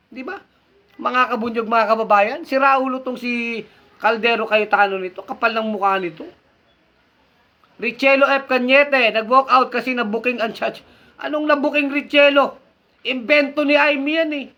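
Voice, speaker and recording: A man from the Philippines hosts a livestream, his voice sitting very high for a man and ringing with a bright, sharp edge. He rants with fiery scorn, calls people names and keeps turning to his audience with rhetorical questions as he reads out their comments. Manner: fiery, scornful and insulting, often rising to indignant emphasis. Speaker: online political commentator and show host.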